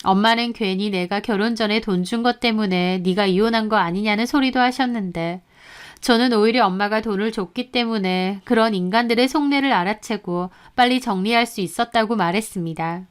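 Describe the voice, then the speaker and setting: A woman calmly narrating a first-person story in a matter-of-fact way. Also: medium pitch, brisk, clear, resonant tone. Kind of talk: scripted narration of a reader's story.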